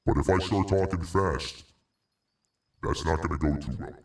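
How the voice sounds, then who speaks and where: A male streamer talking through a deep voice changer that makes him sound like a monstrous creature, speaking slowly and deliberately. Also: echoey room, far from the mic. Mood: chatty. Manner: slow, careful, deliberate talking. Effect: deep voice changer filter.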